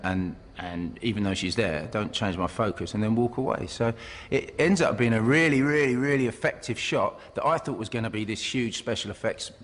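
Low-voiced man recalling a film scene. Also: big-room sound, slight background noise. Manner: relaxed storytelling with hesitant fillers. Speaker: film actor. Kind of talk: behind-the-scenes anecdote.

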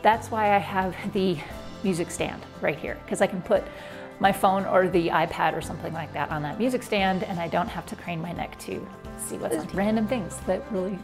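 A woman's voice: on the low side, a little fast. Upbeat woman in her forties, chatty vlog host talking to camera on a lapel mic, faint music under her. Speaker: fitness vlogger. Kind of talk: home room tour vlog. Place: basement home gym, indoors.

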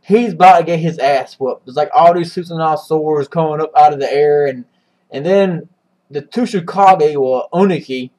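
A man's voice: a little high, normal speed, a little mellow, low-quality recording. A man giving a casual, rambling, profanity-heavy recap of a comic chapter, with many restarts. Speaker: manga reviewer.

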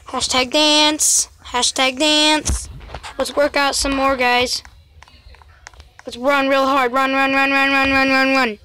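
A woman's voice: high voice, little pitch movement, takes it slowly, bright, forceful tone, slight background noise. A young woman casually commentating her gameplay for her channel, chatty and constantly calling out to her viewers. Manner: chatty, keeps addressing viewers as guys. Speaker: gaming channel host.

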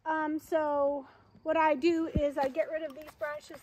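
High-voiced chatty woman outdoors. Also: flat delivery, measured pace, darkish tone, a little hiss or hum. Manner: chatty, upbeat, explaining step by step. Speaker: vlogger. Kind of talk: casual how-to demonstration. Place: backyard garden outdoors.

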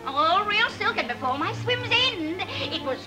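A woman's voice: very high voice, big pitch swings, a little slow. A woman performing a saucy music hall comic song in a mock-genteel manner, half-sung and half-spoken, heard from an early 1930s talkie film soundtrack with music behind her. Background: music accompaniment.

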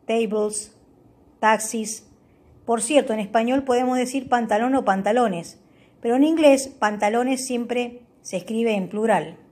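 A woman hosting a tutorial, walking viewers step by step through a language-learning app and pausing often to check they follow. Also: a little high, a little mellow, breathy edge. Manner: reads English words aloud for the viewer. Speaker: tutorial host.

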